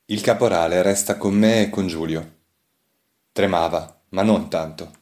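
A man reading a literary novel aloud as an audiobook, in a measured first-person storytelling voice. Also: sits low, darkish tone. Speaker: audiobook narrator.

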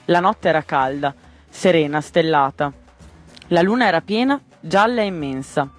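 A man narrating a children's storybook in a gentle, measured way. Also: fairly high pitch, soft background music. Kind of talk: storybook reading.

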